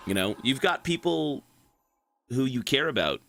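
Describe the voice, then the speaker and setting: Against a noisy background, a Canadian streamer talks unhurriedly in a medium-pitched, animated voice with vocal fry, casually swearing and wandering off topic while answering chat questions during gameplay.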